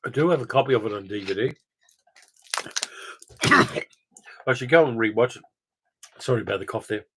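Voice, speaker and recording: A man hosting a film channel livestream, reading out viewer comments and answering them in a loose, rambling way. He fills the gaps with ums and uhs, and his voice sits at an ordinary middle pitch. It sounds like a relaxed home stream. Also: normal speed, pauses often, noisy background. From Australia. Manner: rambling, conversational, frequent fillers.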